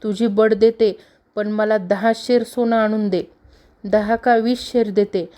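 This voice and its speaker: A cunning, bossy old mother-in-law from a spoken folk tale, barking orders and scolding, as a woman storyteller reads her lines. her voice keeps a narrow, even pitch. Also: slow, natural voice. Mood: commanding.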